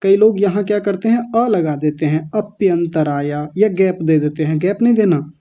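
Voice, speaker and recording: A man's voice: sits high, brisk, warm tone. A man teaching pronunciation in an online class, breaking words into syllables and correcting students patiently. The audio comes through a slightly muffled online microphone.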